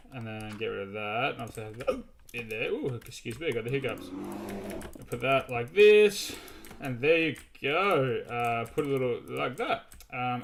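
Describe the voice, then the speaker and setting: A man's voice: medium pitch, creaky, a little hiss or hum. A man hosting a casual gaming video, narrating his building as he goes in a chatty, rambling way with many restarts. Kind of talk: casual gameplay commentary.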